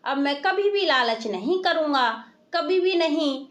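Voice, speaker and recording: A woman's voice: high voice, animated, a little slow, lo-fi sound. A woman voicing a stingy, greedy middle-aged male moneylender who frets and pleads in a storybook tale. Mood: remorseful.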